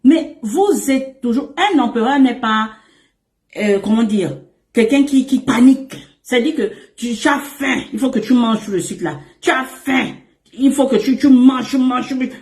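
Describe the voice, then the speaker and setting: A woman's voice: on the high side, unhurried. Woman, relationship coach, casual advice monologue; emphatic, repetitive, playful; echoey room sound. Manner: emphatic and repetitive, calls listeners "my emperor"; animated and playful, with asides and laughs.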